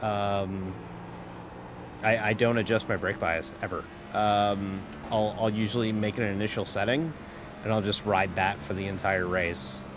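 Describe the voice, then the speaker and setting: A man streams a sim race and chats casually as he drives, rambling and poking fun at himself, full of fillers and offhand swearing. His fairly low voice is steady and measured, with background noise behind it.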